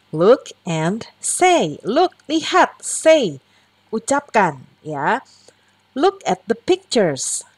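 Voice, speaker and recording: A young adult woman tutor teaches children English slowly and patiently, often adding "ya" and "eh". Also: mid-range voice, dry recording. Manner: slow, patient, sing-song explanations with drawn-out English words; frequent "ya" and "eh" fillers. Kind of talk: bilingual English lesson for kids.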